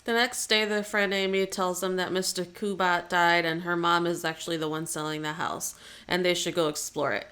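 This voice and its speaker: Chatty young woman with a lowish voice. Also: normal speed. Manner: chatty, animated, laughs often. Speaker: podcast co-host. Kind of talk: casual movie review chat.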